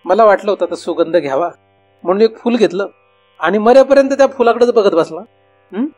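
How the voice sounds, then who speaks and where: A man's voice: high-pitched, expressive, brisk, darkish tone, soft background music. A man with a Marathi accent giving a devotional discourse as a spiritual teacher, talking conversationally and putting rhetorical questions to his listeners. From India.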